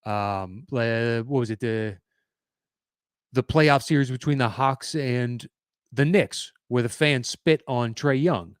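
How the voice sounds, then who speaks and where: A man's voice: mid-range voice, takes it slowly, smooth, no echo, studio quality. A man hosting a podcast, giving opinionated solo commentary in a conversational way with fillers and restarts. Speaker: podcast host.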